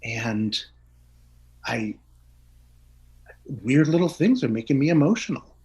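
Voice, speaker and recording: A man's voice: medium pitch, lively intonation, takes it slowly, a little mellow, dull audio. Middle-aged guy in an interview, earnest and open, laughs a lot, keeps restarting words. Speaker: guest. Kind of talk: reflective conversational interview.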